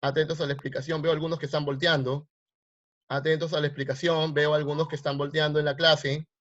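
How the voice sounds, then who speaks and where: A man's voice: fairly high pitch, little pitch movement, brisk, fairly bright tone, muffled recording. Man teaching a grammar class online. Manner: repeats questions, quizzes students. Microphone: video call.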